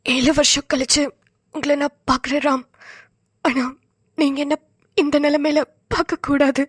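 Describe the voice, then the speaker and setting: A woman voicing a wistful flat-voiced cartoon heroine. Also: sits high, moderate pace, no room sound, studio quality, close to an everyday voice. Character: sorrowful young woman hiding behind glasses. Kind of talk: cartoon voice acting.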